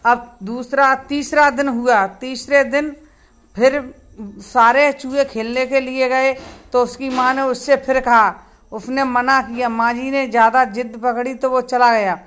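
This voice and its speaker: A woman telling a children's story slowly and simply, stopping to ask the kids to count. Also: sits high, steady tone, fairly bright tone.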